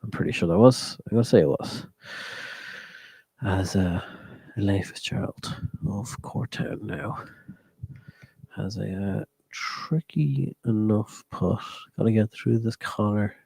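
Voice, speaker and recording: A man giving live golf commentary as a commentator, hushed and hesitant, thinking aloud as he goes. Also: fairly low pitch, slow pace, gravelly, slightly rough, dry recording, low-quality recording.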